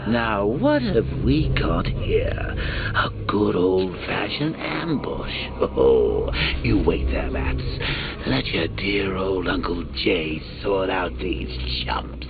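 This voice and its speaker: An actor playing a gleefully sadistic, taunting clown villain in a video game, with a gravelly voice and a mocking, theatrical delivery. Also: male voice, big pitch swings, slow, narrow, tinny audio, loud music behind the voice, heavily acted. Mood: scheming glee. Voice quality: gravelly, creaky voice with shrill swoops.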